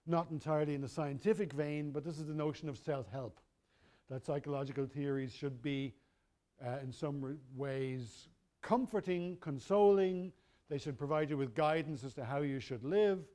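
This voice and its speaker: A man's voice: medium pitch, dark tone. A middle-aged man, giving a university lecture in a wry, conversational way, often correcting himself mid-sentence.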